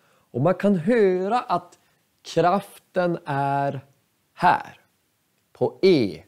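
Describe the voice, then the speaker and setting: Man teaching pronunciation, lively and careful. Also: high-pitched. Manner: slow and careful, repeats example words for learners. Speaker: Swedish language teacher. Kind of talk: explaining pronunciation lesson.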